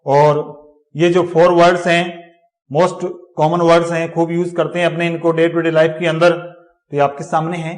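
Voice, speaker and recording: Leading an exam-prep phonetics lecture, a man repeats each word slowly for his class and frequently turns from the mic to write on the board. His voice is a little high, with little pitch movement.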